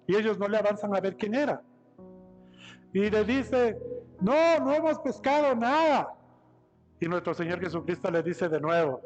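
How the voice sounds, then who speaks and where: High-voiced pastor preaching. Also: male voice, fairly even intonation, normal speed, a little mellow, highs cut off, soft background music. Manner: conversational preaching, often asks the congregation "¿no es cierto?"; retells scripture by acting out dialogue. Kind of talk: Sunday sermon. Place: church service.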